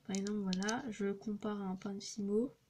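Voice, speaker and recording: Showing off her clay crafts on a phone recording, a young teenage girl talks in a mid-range, dark-toned voice that stays level and runs a little fast. Her casual narration is hesitant, full of fillers and restarts.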